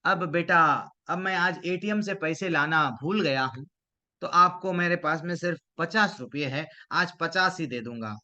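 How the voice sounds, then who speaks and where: A man voicing a cheerful, patient older man who talks gently and coaxingly to children. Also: fairly high pitch, measured pace, dull audio.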